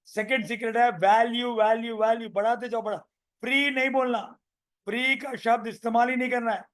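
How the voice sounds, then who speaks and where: A man's voice: extremely high pitch, brisk. A man, a business coach, leading a live video-call training session with energy and many repeated phrases. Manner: energetic, repeats phrases, role-plays sales calls.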